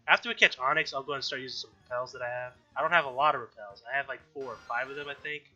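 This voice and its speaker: Rapid-fire and sharp in tone, a mid-range male voice, stuffy and slightly nasal from allergies, hosts a let's-play and chats casually over the game. He's chatty, often self-correcting and clearing his throat. Faint background music accompanies the dull, lo-fi audio.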